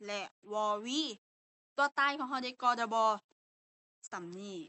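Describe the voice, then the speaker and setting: A woman's voice: fairly high pitch, measured pace, pushed and bright, dry recording. A young woman with a Lao accent, teaching an online language lesson and explaining step by step with patient fillers.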